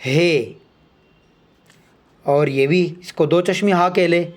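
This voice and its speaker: Man, young adult, alphabet teacher, measured letter-by-letter recitation, slightly high voice. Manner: slow, deliberate letter-by-letter recitation with explanations. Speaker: Urdu teacher. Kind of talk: alphabet lesson.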